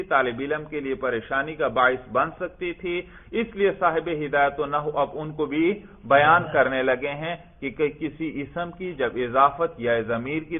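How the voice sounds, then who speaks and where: A man teaching a classroom grammar lesson who asks questions and answers them himself, and recites text in a chanting tone. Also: fairly high pitch. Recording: tinny phone-like lecture recording.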